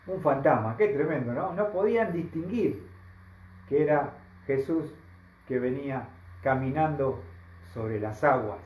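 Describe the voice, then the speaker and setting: A man with a Rioplatense Spanish accent preaching a sermon, slow and emphatic, often asking the congregation rhetorical questions. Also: fairly high pitch, a little mellow, reverberant, poor audio. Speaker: pastor.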